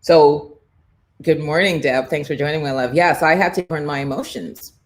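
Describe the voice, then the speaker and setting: Speaking at a normal speed in a low register, this morning show host and brand coach gives a motivational live-stream talk. She is emphatic and preachy, weaving in faith references and voicing quoted inner thoughts.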